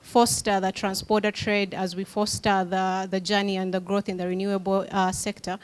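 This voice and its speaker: A woman asking a question from the floor, hesitant with many fillers, then rushing in bursts. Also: mid-range voice, little pitch movement, smooth. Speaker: audience member asking a question.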